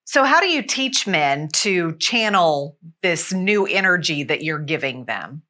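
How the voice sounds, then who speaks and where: A woman's voice: fairly low pitch, big pitch swings, a little slow, bright, forceful tone. A woman hosting a TV interview, attentive, asking short questions and laughing along with her guest. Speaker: TV host.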